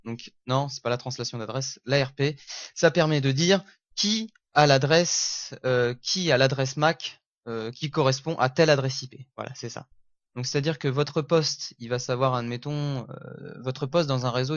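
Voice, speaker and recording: A man giving a casual lecture on networking, halting with many fillers and self-corrections, and making jokey asides. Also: mid-range voice, no room sound. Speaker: networking teacher. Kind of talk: casual spoken lecture over slides. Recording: dull lo-fi sound, dry room.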